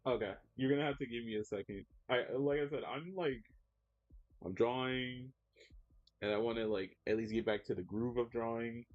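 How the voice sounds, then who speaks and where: A digital artist in his thirties livestreams while drawing, chatting casually with viewers at normal speed. He rambles and fills his speech with fillers, his pitch jumping up whenever he reacts to chat. The audio is phone-quality with no room sound.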